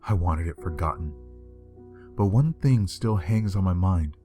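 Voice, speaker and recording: A man reading a horror story aloud in a measured, grim way. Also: low-pitched, lively intonation, dark tone, soft background music. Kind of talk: scripted horror narration.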